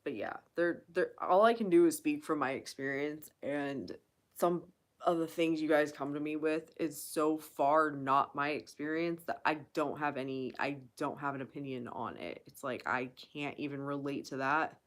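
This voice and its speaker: Low-voiced woman doing a live q&a, blunt, swears a lot, talks straight at you. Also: steady tone, moderate pace. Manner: blunt, profane, emphatic. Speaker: channel host. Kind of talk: casual live Q&A chat.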